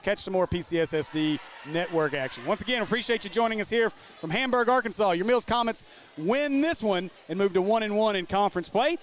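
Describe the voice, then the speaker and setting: High-voiced man calling basketball play-by-play. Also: lively intonation. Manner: quick, running call of the action. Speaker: play-by-play commentator. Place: basketball gym.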